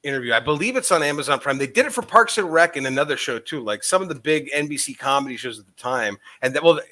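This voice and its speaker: Animated and quick, this medium-pitched man speaks with a sharp tone as a podcast co-host. He's intoxicated, profane, and excitedly wanders from topic to topic.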